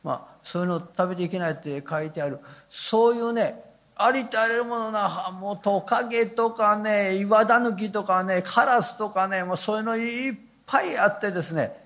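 A man's voice: high voice, moderate pace, a bit bright. An older man, preaching a sermon as a pastor with folksy, humorous storytelling.

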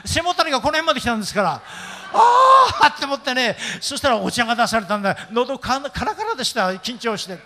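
A man's voice: extremely high pitch, animated, quick pace, hardly any pauses, sharp tone, slight background noise. An older man preaching a sermon as a pastor in a church, telling stories, acting out quoted voices and laughing often. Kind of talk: sermon with storytelling.

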